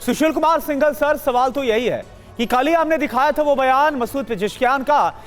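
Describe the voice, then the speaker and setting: A woman's voice: high-pitched, normal speed, faint music behind. A woman anchoring a live television news broadcast, reading breaking updates and putting questions to guests.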